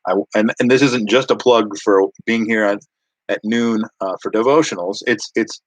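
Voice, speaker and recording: Male youth pastor, lowish voice, dry close sound, informal stop-and-start devotional delivery. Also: no room sound, rough recording. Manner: casual, halting, many restarts and fillers.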